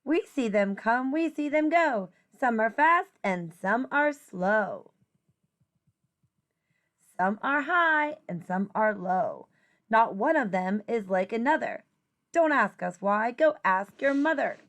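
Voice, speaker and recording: Reading a children's picture book the way a teacher would, a high-voiced woman goes slowly and deliberately. She brings an expressive, singsong quality to the rhymes.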